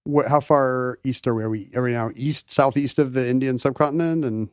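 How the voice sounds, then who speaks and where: A man's voice: medium pitch, a little fast, darkish tone, clear, resonant tone, no room sound, studio quality. A man co-hosting a podcast, chiming in with wry jokes and explanations. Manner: wry, joking interjections. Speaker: podcast co-host. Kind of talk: casual history chat.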